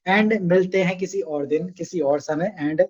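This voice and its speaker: A man's voice: sits high, a little slow, darkish tone, husky, muffled recording. A young man runs a casual online sales training session, chatty and coaxing, often asking his listeners questions.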